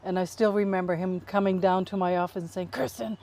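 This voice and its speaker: A middle-aged woman from Germany with a German accent, answering interview questions upbeat and quick to laugh. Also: fairly low pitch, flat delivery, mellow. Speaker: guest, nonprofit CEO.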